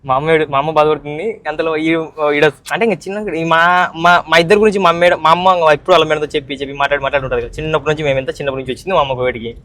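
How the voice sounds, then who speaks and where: A man's voice: fairly high pitch, fairly even intonation, rapid-fire, a bit bright. A young man narrating a casual vlog, chatty and teasing as he talks straight to viewers. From Andhra Pradesh, India. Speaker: vlogger.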